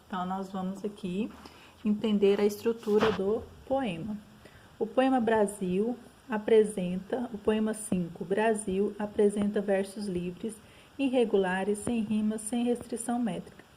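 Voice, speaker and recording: A woman's voice: medium pitch, warm tone, slight background noise. A woman teacher with a Brazilian Portuguese accent, patiently explaining school exercises, often checking in with her students. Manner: patient, frequent fillers and checks like "tá bom?".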